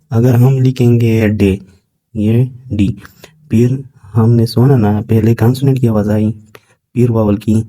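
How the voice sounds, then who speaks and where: Low, flat, very dark-voiced male teacher. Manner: reads English text slowly, then explains in Hindi. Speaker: shorthand teacher. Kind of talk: casual explaining lesson.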